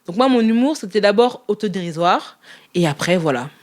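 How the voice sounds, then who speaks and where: A young woman in a casual interview, talking candidly in a quick, lively way and laughing often. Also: mid-range voice.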